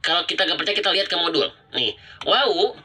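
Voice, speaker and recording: Bright-voiced man teaching recitation. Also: high-pitched, animated. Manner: repetitive, drawn-out pronunciation demonstrations; chatty, addresses viewers directly. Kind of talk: live-streamed tajwid lesson.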